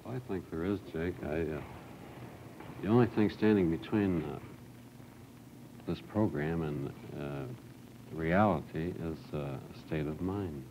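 Middle-aged male farmer, very deep, plain-spoken panelist; hissy 1960s studio film. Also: unhurried, long pauses, dark tone, lo-fi sound. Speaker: dairy farmer. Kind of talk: TV panel discussion. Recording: 1960s TV film sound with clear hiss.

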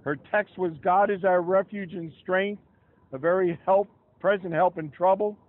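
A man's voice: high-pitched, fairly even intonation, moderate pace. An older man leading an outdoor history walking tour, chatty and given to asides, reading from his notes by a roadside. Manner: chatty, asides and restarts while reading from papers. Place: roadside sidewalk outdoors beside traffic. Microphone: camera held close in the crowd. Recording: tinny phone-like outdoor audio.

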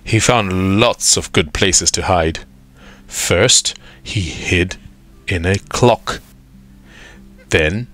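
A man reading a children's picture book aloud, expressive with dramatic pauses. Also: sits low. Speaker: storyteller. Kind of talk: children's storybook read-aloud.

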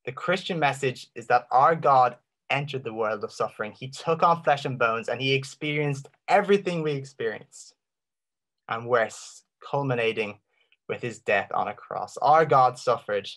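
A man's voice: mid-range voice, a bit bright. Irish man giving an earnest faith talk. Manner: rhetorical questions with dramatic pauses, rising and falling intensity. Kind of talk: apologetic talk.

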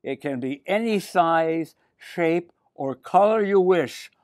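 A courteous, formal shopkeeper who calls everyone madam, as an older man reading aloud plays him. His storybook voice lifts and dips in a lively way and sounds close and dry. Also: a little high, takes it slowly, no echo. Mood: grand.

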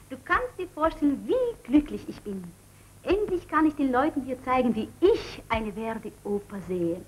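Sweet young singer mom in an old 1939 film, high lilting voice, cheerful. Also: female voice, husky, exaggerated voice, poor audio. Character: warm young female singer, hopeful mother. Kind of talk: 1939 film drama acting.

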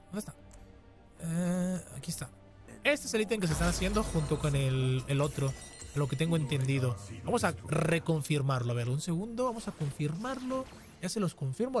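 A man giving casual, excitable gameplay commentary, often taunting opponents in a sing-song voice. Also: a little high. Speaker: gaming streamer. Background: background music.

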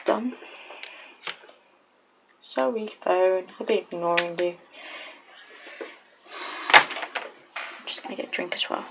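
A woman's voice: on the low side, takes it slowly, long pauses. Chatty English woman playing a game. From England. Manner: chatty, self-deprecating, talks to herself. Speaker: let's play gamer. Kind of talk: casual gameplay commentary. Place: home room. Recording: dull lo-fi mic with clear noise.

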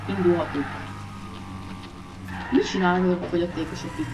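A woman giving let's play commentary on a racing game, excitable and often shrieking at crashes, talking loudly into a poor microphone. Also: mid-range voice, loud music behind the voice. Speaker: gamer. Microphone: poor gaming mic, speaking loudly into it. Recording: distant mic with faint noise.

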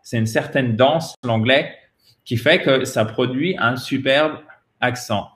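Man, pronunciation teacher, very slow pace, repeats words over and over, says "ok?" a lot. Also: medium pitch, fairly bright tone. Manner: slow, repeats model words many times; often ends points with a checking "ok?". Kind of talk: French-language pronunciation lesson.

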